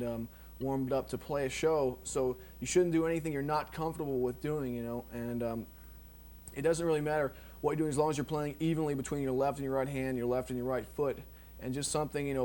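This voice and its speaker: A man teaching drum technique in a relaxed, rambling way, full of ums and you knows. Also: mid-range voice. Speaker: drum instructor. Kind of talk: casual instructional explanation.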